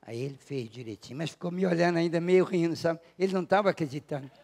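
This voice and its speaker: Gravelly, husky Brazilian male lecturer. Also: fairly high pitch, fast talker. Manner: storytelling, acting out dialogue with big shifts in loudness. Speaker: spiritual lecturer. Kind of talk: spiritual lecture with personal anecdote. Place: lecture hall at a spiritist center.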